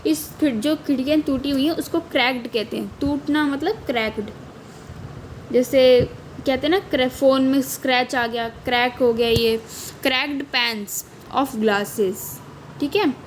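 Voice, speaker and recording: A woman's voice: high-pitched, normal speed, a little hiss or hum, rough recording. A young woman teacher, explaining a poem line by line, reading each line aloud and repeating the meanings.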